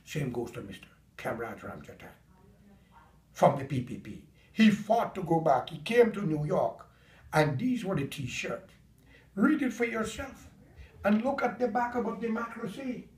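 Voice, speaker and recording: A man's voice: high-pitched, animated, measured pace. A middle-aged man from Guyana with a Guyanese accent, giving an impassioned political rant straight to the camera from his dining room. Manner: impassioned, preachy, rising to loud emphatic peaks. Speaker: political commentator. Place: home dining room, indoors. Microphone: camera several feet away. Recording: roomy, distant camera mic.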